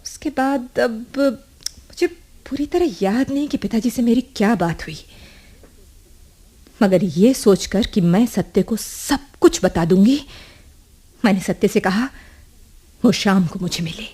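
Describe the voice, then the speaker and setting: A woman's voice: mid-range voice, animated, slow, pauses often, mellow, slightly rough. An actress playing a proud, defiant young woman in a radio drama, telling her story with earnest emotion. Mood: earnest recounting. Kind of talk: 1980s radio drama acting.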